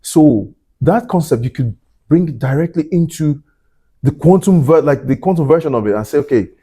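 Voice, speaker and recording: A man in Glasgow hosts a science podcast, chatting casually in an interview style full of fillers and asides. His voice is a little high and mellow, with lively intonation and a normal speaking speed.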